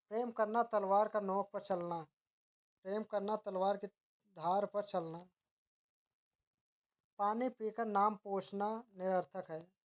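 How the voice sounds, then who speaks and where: A woman teacher working through a grammar drill at an even, measured pace. She reads each wrong sentence, then its corrected form, and now and then stops to fix a word mid-way. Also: mid-range voice.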